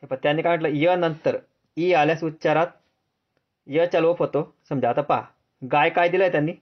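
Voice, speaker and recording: A man with a Marathi accent teaching a grammar lesson, drilling students with repeated questions and answering them himself in a lower, softer voice. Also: fairly even intonation, fairly quick. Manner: answers drop low and soft. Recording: dull lo-fi sound.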